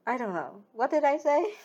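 With a high voice of darkish tone, a young streamer whose first language isn't English chats casually over viewer comments. She's giggly and rambling, frequently restarting to correct herself.

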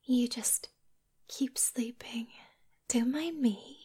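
A woman voicing a teasing, possessive female succubus in a whispered ASMR roleplay, hushing softly into a close mic. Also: fairly high pitch, slow. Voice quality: breathy.

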